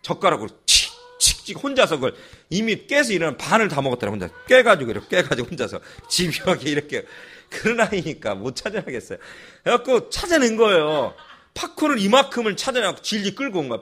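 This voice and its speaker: A male pastor's sermon turns into a lively storytelling moment. His voice sits slightly high and rides a wide, animated melody. There is a husky grain to it. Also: quick pace. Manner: lively storytelling, chuckling asides.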